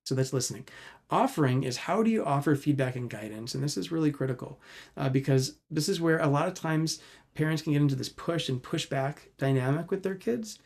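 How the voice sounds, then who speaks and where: A man's voice: fairly high pitch, animated, brisk, gravelly, a little mellow. A man, a psychologist presenting a parenting webinar in a conversational way, acting out quoted examples. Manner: conversational, uses many fillers and quoted examples.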